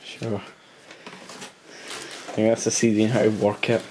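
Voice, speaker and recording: A man's voice: lowish voice, monotone, normal speed, darkish tone. A man filming his brother at home, teasing him with dry, sarcastic remarks. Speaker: cameraman, vlogger's brother. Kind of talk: casual chat. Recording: noisy home video recording.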